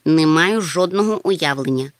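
A woman voicing a slow-witted, mild-mannered male creature obsessed with rare insects, who mutters to himself. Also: lowish voice, expressive, no room sound, close to an everyday voice. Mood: pedantic.

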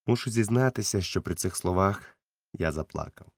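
A man narrating a storybook in a calm, lowered voice. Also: moderate pace, no echo, clean studio sound. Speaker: audiobook reader.

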